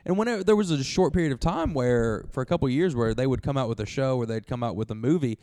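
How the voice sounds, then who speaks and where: A man's voice: mid-range voice, expressive, fast, darkish tone, dry recording, clean studio sound. A young man in his twenties co-hosting a podcast, easygoing as he leads the segment in casual chat. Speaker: podcast co-host.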